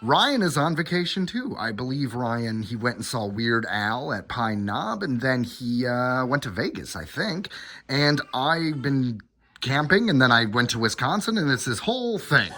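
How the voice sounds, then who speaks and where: Recording a solo podcast from a vacation hotel room, a man chats informally and calls his listeners "guys" as he goes through news updates casually. His mid-range voice swings widely in pitch, his pace is unhurried, and his tone is sharp over slight background noise.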